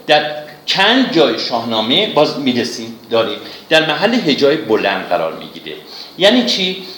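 A man gives a class on classical poetry, reciting verses slowly and explaining them with patience. His pitch moves a great deal as he teaches. The room is echoey, with a faint background hiss. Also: fairly bright tone. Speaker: literature teacher.

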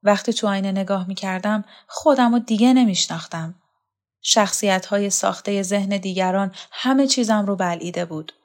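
A woman voicing a lonely, haunted former actress, weary and bitter, in a quiet confessional storybook reading. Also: medium pitch, close to an everyday voice. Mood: brooding.

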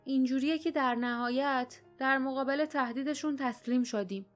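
A woman voicing a thoughtful young man who speaks quietly and hesitantly. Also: high voice, faint music behind, voice pushed up, lightly acted. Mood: worried.

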